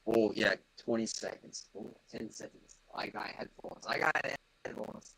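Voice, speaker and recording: A man's voice: on the low side, measured pace, vocal fry, a bit bright, breathy edge, no echo, low-quality recording. A man in his twenties from Canada, calling into a live debate stream over a call whose audio keeps breaking up and cutting out, and he keeps checking whether he can be heard. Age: 20s. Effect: broken-up call audio cutting in and out. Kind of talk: casual call-in chat.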